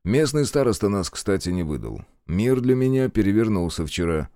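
A man's voice: on the low side, very animated, normal speed, mellow, no echo. A man voicing a weary male officer with a dry, understated, wry way of talking.

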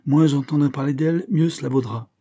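A man's voice: a little high, a little fast, dark tone, muffled recording, pitched above the performer's own voice. A man reading aloud, voicing an irascible, gouty old English earl who growls out scornful outbursts. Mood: angry.

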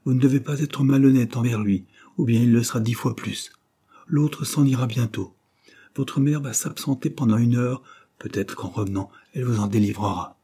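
A calm older woman offers measured comfort, voiced by a man reading a storybook. The tone is raised yet dark and mellow, with a husky grain. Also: mid-range voice, voice pushed up.

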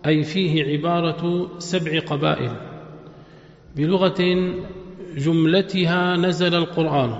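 Gravelly sheikh in an echoey hall. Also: male voice, on the high side. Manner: explains with rhetorical questions to listeners; chants verses in a melodic recitation. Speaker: sheikh teaching Quran exegesis. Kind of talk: religious lesson. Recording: echoey hall, dull lo-fi sound.

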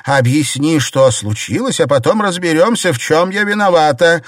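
A man's voice: a little high, expressive, normal speed, dry recording, studio quality, voice pushed up, natural voice. A man voicing a stern older matron who scolds the household. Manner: indignant scolding.

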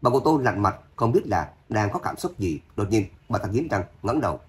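A man narrating an audio novel in a steady, dramatic storytelling manner. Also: fairly low pitch, moderate pace.

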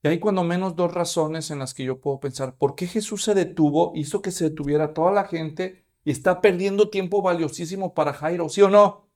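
A man's voice: high voice, brisk, darkish tone. A man, preaching a sermon as pastor and asking his congregation questions.

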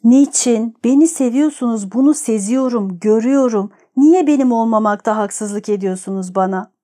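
A woman's voice: on the high side, normal speed, warm tone, natural voice. A woman reading a desperate lovesick young man. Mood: pleading. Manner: urgent, pleading delivery.

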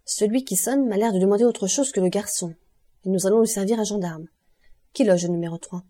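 A woman reading an audiobook voices a gendarme sergeant giving brisk orders. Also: mid-range voice, mellow, natural voice. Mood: commanding. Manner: brisk, commanding.

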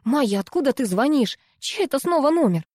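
A woman's voice: sits high, sing-song, a little fast, a little mellow, no room sound, studio quality, voice pushed up. A woman voicing a blunt, scolding young woman friend. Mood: irritated. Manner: brusque, scolding.

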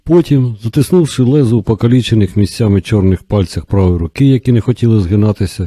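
A man reads a novel aloud at a steady, measured pace. His voice sits somewhat low and sounds very dark and mellow. The recording is dry and close, with no room around it. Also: husky, no room sound. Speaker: narrator. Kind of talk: audiobook narration.

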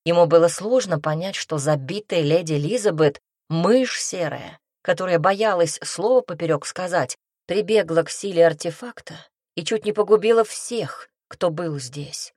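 A woman narrating a first-person audiobook in an intimate, expressive manner, close to the mic. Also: fairly low pitch, moderate pace, few pauses, no room sound.

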